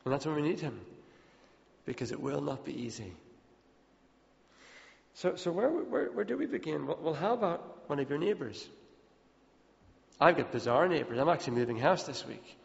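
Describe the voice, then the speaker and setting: A man's voice: a little high, sing-song, normal speed, creaky, pauses often. A man preaching an earnest sermon, repeating words as he presses his points, recorded in a church hall. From Ethiopia. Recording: dull, long hall reverb.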